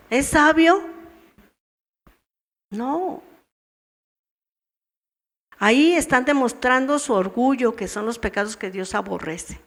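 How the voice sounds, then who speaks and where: A woman with a Mexican Spanish accent teaching a women's church meeting, asking her listeners question after question and acting out wives' replies. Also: on the high side. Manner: asks the audience many questions, acts out wives' replies. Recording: long hall reverb in a church.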